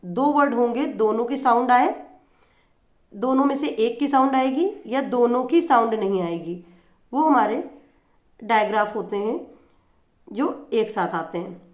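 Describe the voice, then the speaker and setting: A woman's voice: a little high, animated, measured pace, long pauses, a little mellow, reverberant. A woman teacher explaining phonics in a patient lesson, repeating examples as she goes.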